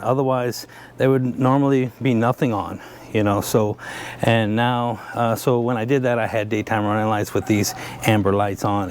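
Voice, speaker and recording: A man's voice: mid-range voice, slight background noise. A man hosting his own channel, giving a rambling, easygoing product review full of filler words while standing by a vehicle. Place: by a vehicle, showing its lights.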